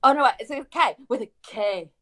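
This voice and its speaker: Playful woman player, slightly high, home call mic. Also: a bit bright, rough recording. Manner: playful, quick to jump in. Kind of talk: playing a tabletop game over a call. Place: home bedroom. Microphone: home remote-call mic.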